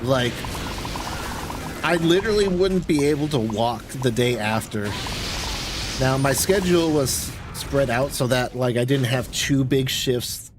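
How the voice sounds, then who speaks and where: An American game streamer chats casually during a livestream, rambling conversationally. His medium-pitched voice is expressive and a little slow, and it plays over music.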